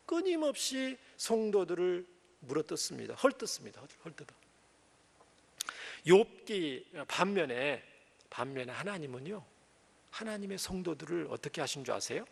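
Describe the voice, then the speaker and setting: Animated, gravelly male pastor preaching. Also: a little high. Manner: animated, asks the congregation questions. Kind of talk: sermon at a Friday prayer meeting. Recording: echoey church hall.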